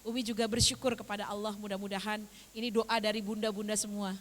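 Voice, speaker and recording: An older woman with an Indonesian accent giving a storytelling religious lecture to a women's group, animated and acting out the voices in her story. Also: mid-range voice, fast. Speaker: religious teacher. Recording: hall reverb with faint hiss.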